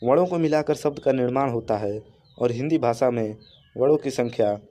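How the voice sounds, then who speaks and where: A man's voice: medium pitch, brisk, mellow. A man teaching a Hindi grammar lesson in a classroom style. He restates each rule in simpler words and draws out the vowel sounds he gives as examples.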